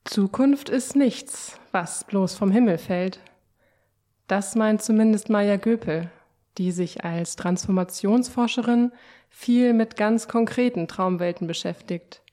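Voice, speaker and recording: A woman co-guiding a scripted audio walk, speaking in a gentle, reassuring and inviting way. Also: medium pitch, takes it slowly. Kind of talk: scripted narration.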